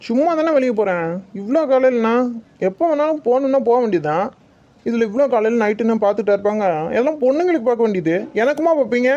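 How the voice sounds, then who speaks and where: Someone doing a cheeky younger brother. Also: male voice, extremely high pitch, lively intonation, fast talker, mellow, highs cut off. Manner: wisecracking, cheeky. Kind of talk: cartoon voice acting.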